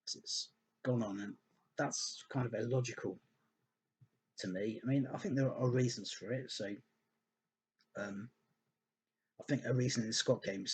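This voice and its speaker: A man's voice: medium pitch, slightly rough. A man giving casual, rambling football analysis, thinking aloud with many ums and restarts while hiccuping. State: hiccuping and burping. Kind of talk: casual spoken analysis over slides.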